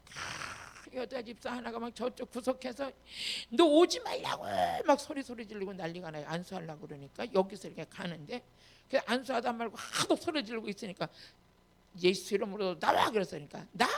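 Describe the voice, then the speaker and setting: A woman pastor preaching with fervor, her voice at a middling pitch and carrying a gravelly rasp. She tells her story in an emphatic way and builds to forceful, ringing commands. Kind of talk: sermon with personal testimony.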